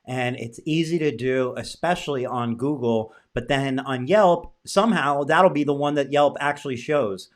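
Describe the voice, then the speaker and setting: A man's voice: mid-range voice, moderate pace, few pauses. A man hosting a podcast interview who talks directly and with emphasis as he gives advice. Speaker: podcast host.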